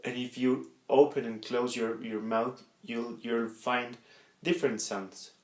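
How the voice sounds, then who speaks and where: An echoey room carries the voice of a man giving a practical lesson. He speaks slowly at a middling pitch, explaining each step haltingly and often repeating a word before going on. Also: little pitch movement, a little mellow. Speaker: instructor demonstrating body percussion sounds. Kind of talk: instructional demonstration.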